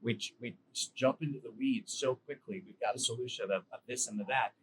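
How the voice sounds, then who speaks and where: A man's voice: mid-range voice, brisk, slight background noise, poor audio. A middle-aged man talking as a guest inside a car, earnest and repeating words as he thinks. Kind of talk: casual chat.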